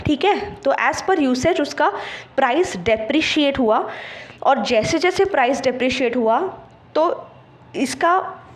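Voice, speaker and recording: A woman gives an online exam-prep lesson. She explains patiently, step by step, and keeps checking in with her students. She slips English terms into her Hindi as she goes. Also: sits high. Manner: patient, checks understanding with frequent "theek hai".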